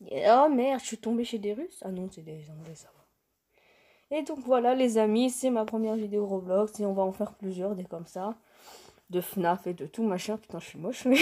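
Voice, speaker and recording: A woman's voice: medium pitch, warm tone, slightly rough. A playful young woman giving casual gameplay commentary, talking to the game characters and breaking into squeals and laughs. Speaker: gaming youtuber.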